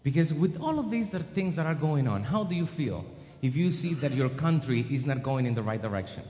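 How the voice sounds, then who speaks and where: A man's voice: medium pitch, very animated, a little fast, mellow. A man preaching a sermon with an emphatic, rising and falling cadence. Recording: long hall reverb.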